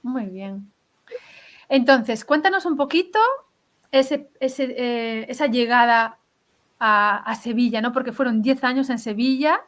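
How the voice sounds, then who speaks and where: Lady interviewer, kinda high voice, chatty and encouraging, lots of little tag questions. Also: measured pace. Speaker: interviewer, host. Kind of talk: casual interview chat.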